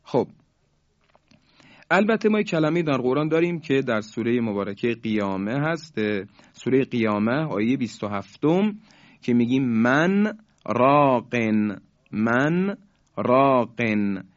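A man giving a calm radio lesson on recitation rules, stretching the example words out slowly. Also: mid-range voice, no echo, lo-fi sound. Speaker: Quran recitation teacher on radio.

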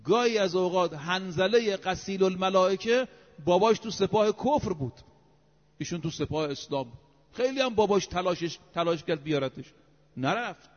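A man preaches with emphasis in a notably high voice, reciting scripture and numbering each point. His voice trails off into a long hall reverb. The recording is dull and lo-fi. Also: lively intonation. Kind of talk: sermon.

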